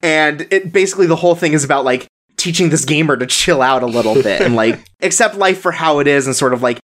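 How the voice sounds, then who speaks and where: Casual podcast co-host, rambling, filler-heavy, laughs a lot, mid pitch. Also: fast, a bit bright. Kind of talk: casual chat.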